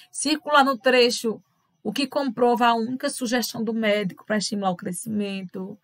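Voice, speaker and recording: A Brazilian woman teacher talks a class of children through a worksheet in a fairly high voice. She is patient and keeps asking the pupils whether they follow. The sound is dry and close, with no room echo. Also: a bit bright. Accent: Brazilian Portuguese. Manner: patient, addresses pupils directly with tag questions. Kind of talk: recorded lesson walking through worksheet questions.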